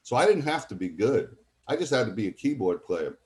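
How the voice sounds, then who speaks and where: A man's voice: mid-range voice, sing-song, a little fast, a little mellow. An older man, a guest musician telling rambling anecdotes in a casual interview and acting out what other people said. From College Point, New York.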